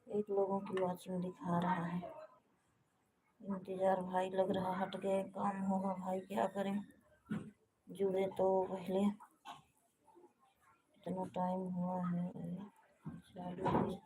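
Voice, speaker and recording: A woman casually chatting with viewers on a live stream, speaking softly and hushed from a balcony at home. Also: on the low side, completely flat delivery, slow, long pauses, a little hiss or hum, low-quality recording. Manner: speaks softly and hushed to avoid waking others.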